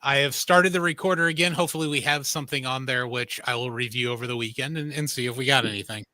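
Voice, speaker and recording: A man hosting a live radio show from the studio in a measured, matter-of-fact way. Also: medium pitch, sharp tone, no room sound.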